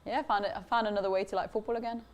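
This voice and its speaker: A young woman who is a football freestyler, chatting in a relaxed way as a guest and hedging with fillers. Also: medium pitch, racing. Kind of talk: casual interview chat.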